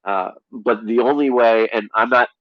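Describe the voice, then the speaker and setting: A man speaking as an interview guest in a relaxed, conversational way, with a dry, deadpan humor. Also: mid-range voice, moderate pace, no echo, highs cut off. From Connecticut, USA.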